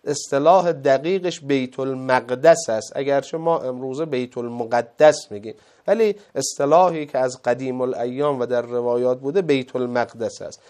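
A man preaching a sermon with passion, rising to loud exclamations and dropping to soft asides, acting out the dialogue of his story. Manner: impassioned, swings between loud exclamations and soft low asides; acts out quoted dialogue in the story.

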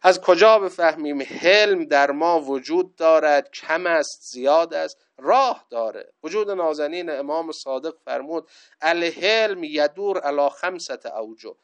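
A man giving a religious lecture, reciting Arabic sayings slowly and then explaining them point by point. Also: fairly high pitch, expressive, clean tone. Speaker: preacher.

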